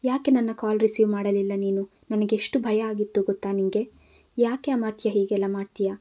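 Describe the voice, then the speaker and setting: Woman narrator doing a tearful young heroine, pleading, mellow tone. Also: mid-range voice, steady tone, brisk, natural voice. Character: frightened young woman pleading through tears.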